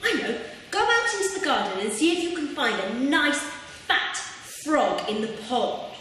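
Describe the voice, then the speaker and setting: A woman playing a kindly, mysterious fairy godmother in a pantomime, declaiming deliberately like a storybook. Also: high-pitched, big pitch swings, a bit bright. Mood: reassuring, brisk. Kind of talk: theatrical stage pantomime, partly rhyming. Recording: distant mic in echoey hall, faint noise.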